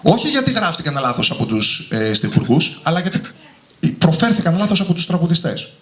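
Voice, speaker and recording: A man's voice: on the high side, big pitch swings. A man, an author and singer, giving an emphatic, passionate talk to a live audience at his book presentation. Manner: passionate, emphatic, often ending points with a tag word. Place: indoor hall with a live audience. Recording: echoey hall.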